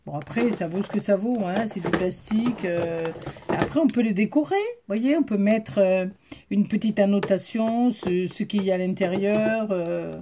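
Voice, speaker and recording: This vlogger's voice is medium in pitch and moves at a normal speed, with background noise behind it. A Southern French woman, she chats casually with her viewers as she presents a haul, talking straight to them and using frequent fillers.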